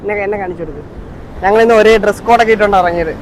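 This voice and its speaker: A man's voice: high-pitched, racing, poor audio. A man with a Kerala accent vlogging casually in Malayalam mixed with English, repeating phrases and addressing his viewers. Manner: Malayalam mixed with English words like "guys" and "vibe". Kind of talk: casual group vlog chat. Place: outdoors at a night beach. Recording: very loud outdoor and vehicle noise.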